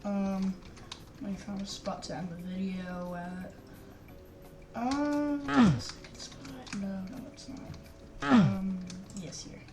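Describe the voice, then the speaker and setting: Playing through a game mod for her YouTube review, this woman rambles casually about whatever is happening on screen. She speaks slowly in a mid-range voice, caught by a distant mic in a roomy space beneath loud game music.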